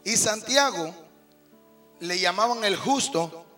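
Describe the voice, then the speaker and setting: A Mexican-accented male preacher tells his sermon like a story to a congregation, talking to them directly and calling them brother. His voice sits high for a man and rings bright, with faint music underneath. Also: lively intonation, slow pace. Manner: folksy, conversational, keeps addressing listeners as brother.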